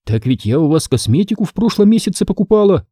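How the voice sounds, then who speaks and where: A man reading an audiobook voices a lively, artless young woman helper in a raised, excited voice. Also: on the low side, quick pace, no room sound, clean studio sound, pitched above the performer's own voice.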